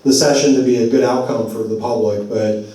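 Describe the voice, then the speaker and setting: A man's voice: medium pitch, fairly even intonation, brisk, warm tone. Man addressing a forum in an echoey hall. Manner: conversational, loose and digressive. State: losing his voice. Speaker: advocacy group speaker at a community forum. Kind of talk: public address at a community meeting. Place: church meeting hall. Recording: very echoey hall, voice far from mic.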